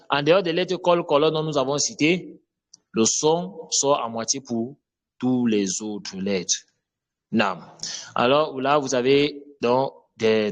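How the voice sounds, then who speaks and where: A man teaching Quranic pronunciation, repeating each word slowly and correcting common mistakes. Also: mid-range voice. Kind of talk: slow step-by-step pronunciation lesson.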